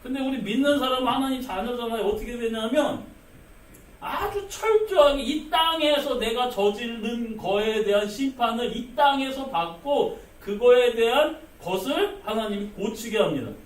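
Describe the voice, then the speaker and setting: A man's voice: very high-pitched, lively intonation, moderate pace. A male pastor delivering an emphatic sermon, calling out to the congregation again and again and acting out quoted voices. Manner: emphatic, repeats "여러분" often, acts out quoted voices. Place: church sanctuary. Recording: echoey sanctuary, mic at a distance.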